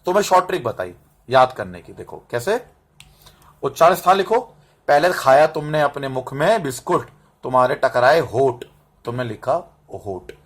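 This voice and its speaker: Hindi teacher drilling consonant classes. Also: male voice, mid-range voice, animated. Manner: drills terms and asks "समझ में आ रहा है?" to check understanding; calls students बेटा and repeats syllables slowly. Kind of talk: recorded classroom lesson. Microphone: camera mic, set up and adjusted by himself.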